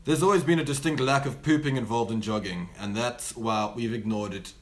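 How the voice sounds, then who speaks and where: A man's voice: medium pitch, fairly quick. A young man co-hosting a comedy news chat, reading stories with dry quips. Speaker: co-host.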